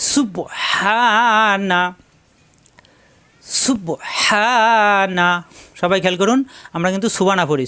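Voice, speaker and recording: A man teaching Quran pronunciation step by step, repeating syllables slowly to drill each sound. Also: high voice, a bit bright, clear, resonant tone.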